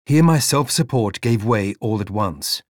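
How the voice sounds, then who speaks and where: A man reading a novel aloud as audiobook narrator, in a measured, expressive storytelling manner. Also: fairly low pitch, no echo, studio quality.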